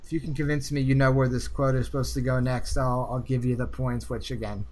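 A man from the Northeast US hosting a casual podcast trivia game, chatty and quick to laugh. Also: medium pitch, flat delivery, a little mellow. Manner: chatty, laughing, quotes lines in slow put-on voices. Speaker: trivia host.

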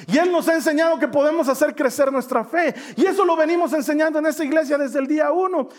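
A middle-aged male pastor, preaching a sermon and telling stories with voiced quotes, calling on the congregation to read along. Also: sits high. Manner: storytelling with voiced quotes and audience call-and-response.

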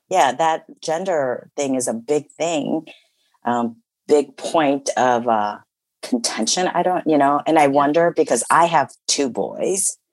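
Very low-voiced reflective woman. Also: dry recording. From Chicago area, USA. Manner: reflective and chatty, many fillers and laughs. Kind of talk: casual conversation.

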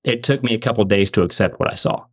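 Man, low-pitched voice, earnest testimony, emphatic, repeats and restarts, podcast storytelling. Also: slightly rough. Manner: emphatic, fast and repetitive restarts. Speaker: podcast host.

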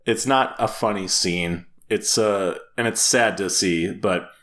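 A man's voice: lowish voice, a little slow, fairly bright tone. A man co-hosting a podcast in casual chat, laughing often and rambling with fillers and restarts. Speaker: podcast co-host.

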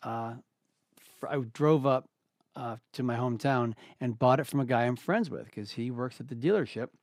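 A man hosting an interview, chatting in a relaxed way with plenty of casual fillers. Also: medium pitch, normal speed, no room sound, clean studio sound. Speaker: podcast host. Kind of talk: casual conversation.

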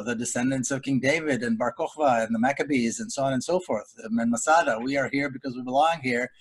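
A middle-aged man, speaking earnestly as a panelist in a webinar discussion. He talks deliberately, with frequent pauses and restarts. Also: mid-range voice. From Israel. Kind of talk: personal account in a webinar discussion. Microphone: video call.

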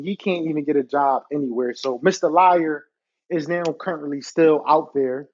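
A man hosting a podcast episode from his apartment, telling an exasperated, profane story and talking directly to his listeners. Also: on the high side. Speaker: podcast host. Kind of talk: storytime rant. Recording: dull lo-fi recording.

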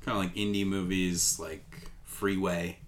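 A man's voice: sits low, little pitch movement, a little slow. A man co-hosting a casual movie discussion, rambling with lots of "like" and "um". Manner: rambling, many fillers like "like" and "um". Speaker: podcast co-host.

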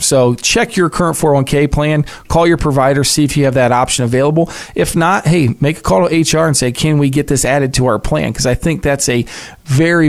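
Plain-spoken American man explaining money matters. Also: medium pitch. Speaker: financial advisor guest. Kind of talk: conversational explaining.

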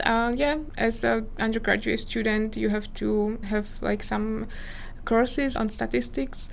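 A woman's voice: mid-range voice, creaky, slight background noise. A woman in her twenties from Slovakia with a Slovak accent, answering interview questions earnestly in English as a non-native speaker, searching for her words. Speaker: visiting scholar guest.

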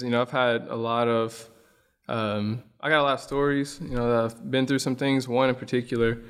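Relaxed young man with a resonant voice. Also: medium pitch, smooth, in a large hall. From Illinois. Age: young adult. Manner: relaxed, rambling storytelling with many fillers. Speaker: guest. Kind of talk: casual conversation.

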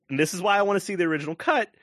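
A man co-hosting a casual movie review podcast, retelling a plot with profane, excitable energy. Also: no room sound, clean studio sound. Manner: profane, excitable storytelling with big pitch swings. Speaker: podcast co-host.

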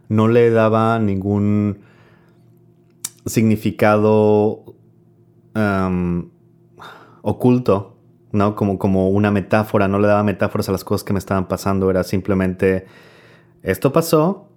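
Man, lowish voice, reflective, rambling, interview guest. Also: a little mellow. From Mexico. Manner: thoughtful, rambling, many restarts and filler tags.

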